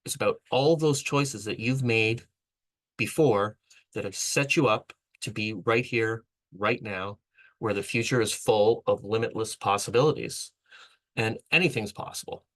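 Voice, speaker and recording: Earnest low-voiced man giving motivational talk. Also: measured pace, low-quality recording. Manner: earnest, rambling with restarts. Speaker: vlog host. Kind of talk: motivational monologue.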